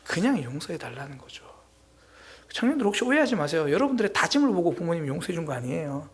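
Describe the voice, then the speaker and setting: A male pastor delivers a sermon with a gravelly edge. His pitch leaps and falls with great animation, and he swings from near-whispers to loud, urgent exclamations. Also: big pitch swings, fast. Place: church sanctuary.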